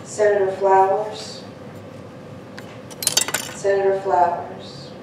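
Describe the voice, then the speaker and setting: A woman acting as clerk, calling out names in a measured way for a formal roll call. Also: medium pitch, flat delivery, dark tone. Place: committee meeting room, indoors. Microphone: distant camera microphone. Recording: echoey noisy room, far from mic.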